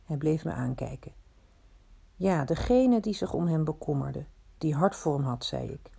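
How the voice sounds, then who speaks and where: A woman's voice: sits low, expressive, moderate pace, creaky, warm tone, slightly rough. A woman telling a story in the first person, in a reflective, confiding way that often asks itself questions.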